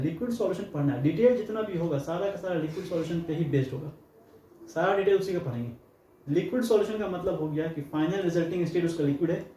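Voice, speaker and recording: A man's voice: fairly high pitch, warm tone. Distant-sounding man teaching chemistry. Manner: explains step by step with rhetorical questions and everyday examples. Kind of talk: classroom lecture. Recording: roomy echo, distant mic, faint noise.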